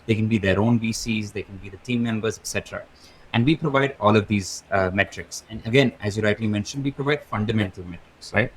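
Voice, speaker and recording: A man's voice: fairly low pitch, husky, low-quality recording. A man being interviewed as a guest, explaining crypto data in a fluent, methodical way and listing items one after another. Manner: fluent, methodical, rattles off lists. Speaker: guest, crypto research lead.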